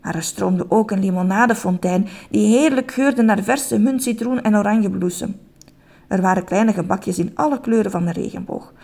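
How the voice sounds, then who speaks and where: Creaky-voiced woman reading a children's story. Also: mid-range voice, warm tone. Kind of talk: children's story read aloud.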